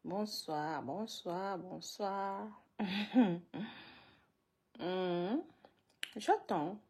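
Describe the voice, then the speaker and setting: A woman's voice: mid-range voice, a little mellow, husky. A woman hosting a casual live stream, greeting viewers one by one, repeating herself and laughing often between lines.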